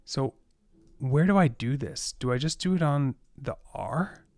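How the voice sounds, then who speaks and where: A man's voice: mid-range voice, lively intonation, measured pace, a little mellow, no room sound. A man casually thinking aloud as he writes code, rambling with fillers and exasperated laughs. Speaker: web developer coding on a live stream.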